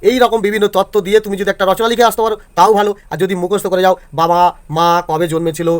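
A man's voice: high-pitched, steady tone, racing, clean tone. A male teacher explains exam answers to students step by step and keeps checking that they follow. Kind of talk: exam answer walkthrough lesson.

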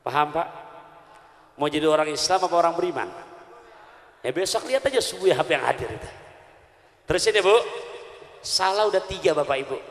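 A man's voice: a little high, brisk, pauses often. A male preacher giving a humorous sermon, calling out questions to the audience and joking with rhymes. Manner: animated, calls out questions to the audience, jokes with rhymes. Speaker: Islamic preacher. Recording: echoey hall with long reverb.

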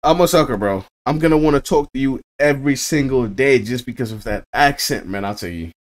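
A man's voice: medium pitch, lively intonation, a little fast. A tired young man casually reacting to a video late at night, laid-back and slangy, swearing freely and calling everyone bro. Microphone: own microphone.

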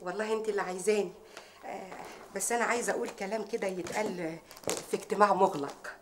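Actress playing a sharp-tongued Egyptian maid, quick and brash, full of sayings; TV drama. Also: female voice, mid-range voice, steady tone, background noise, lightly acted. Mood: sly. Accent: Egyptian Arabic. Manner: proverb-spouting, brash, mocking. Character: bold sharp-tongued Egyptian housemaid, woman, middle-aged. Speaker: housemaid confronting her employer's rival. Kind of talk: TV drama acting.

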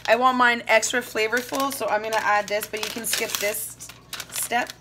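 A woman's voice: fairly high pitch, fairly even intonation, normal speed, noisy background. A woman in her thirties chatting casually through a home cooking demo in her kitchen, rambling and correcting herself as she goes, recorded on a phone camera. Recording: clear kitchen clatter of dishes and pans.

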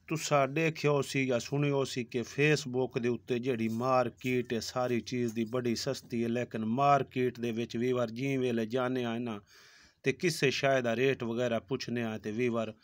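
A man in his thirties from Punjab, Pakistan, vlogs his village, phone at arm's length, first on the roads outside and then in a shoe shop. He chats casually to his audience, calling them "viewers" over and over. His voice is medium-pitched and the recording dry.

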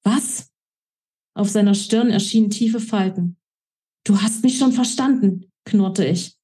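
Proud young woman in a fury, scolding in sharp bursts; a woman reads her in an audiobook-style reading. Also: mid-range voice, slow, slightly rough. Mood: angry.

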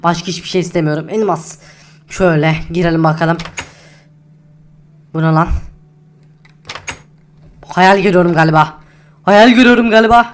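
A woman's voice: on the low side, normal speed, pauses often, lightly acted. A woman voicing a greedy, hot-tempered male diamond miner in a game role-play, who curses and grumbles and repeats himself over and over. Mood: frustrated. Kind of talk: Minecraft role-play acting.

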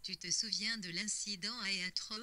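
Brief: audiobook character, woman reading a fragile, weary man, quiet and subdued, bright tone. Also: medium pitch, steady tone, moderate pace.

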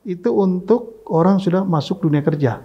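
Slightly high male host, dull audio. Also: animated, moderate pace, warm tone, husky. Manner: asks structured questions. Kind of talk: interviewing a guest.

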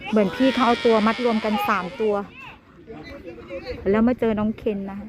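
A woman giving lively amateur commentary on a seven-a-side football match, shouting player names again and again as the play moves. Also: on the high side, crowd noise. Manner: lively, rapid repeated calls of player names. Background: music.

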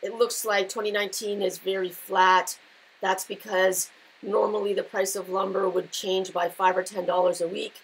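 A middle-aged woman with a growly, gravelly voice, giving unscripted market commentary in an explanatory, halting way with pauses. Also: medium pitch, little pitch movement, poor audio. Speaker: market analyst and host. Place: indoors, seated before a patterned backdrop.

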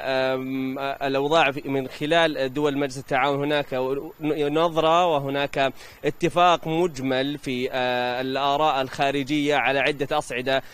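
A man with a Saudi accent giving a live news report outdoors into a handheld microphone, halting as he searches for words. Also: on the high side, fairly bright tone, smooth. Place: outdoors in a large open plaza.

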